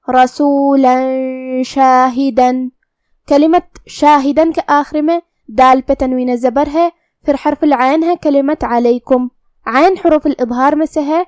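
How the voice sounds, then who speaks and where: A woman's voice: high voice, a little mellow, no room sound, studio quality. A woman teaching Quran recitation rules, explaining each rule step by step. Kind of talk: tajweed lesson with slow recitation.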